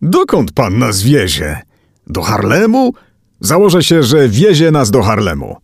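A man voicing a terrified, heavyset captive who shouts and begs in a slurred voice. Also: low voice, big pitch swings, a little slow, breathy edge, dry recording, studio quality, heavily acted. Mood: frantic.

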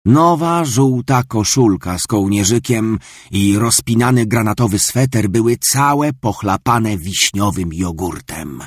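A man reading a children's story aloud with expressive, storytelling delivery. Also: fairly low pitch, husky, dry recording, studio quality. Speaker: narrator.

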